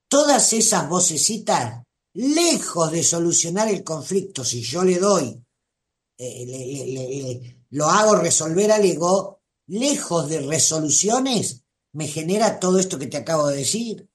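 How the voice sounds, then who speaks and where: A host with a Rioplatense Spanish accent, giving a gentle, reflective live talk and answering listeners by name like a spiritual teacher. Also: mid-range voice, expressive, measured pace.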